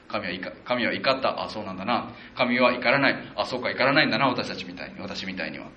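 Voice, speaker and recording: Man preaching a sermon, bright and echoey. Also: fast, dull audio, slight background noise. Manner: animated, acts out quotes of the people with shifts of pitch; conversational, with self-corrections and fillers. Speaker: pastor. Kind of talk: sermon, verse-by-verse Bible exposition.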